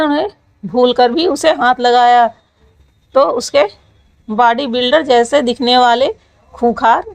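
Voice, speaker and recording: A woman tells a comic story in a chatty, colloquial manner. Her voice sits high, and she moves easily between the narration and the characters' lines. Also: a little mellow, no room sound.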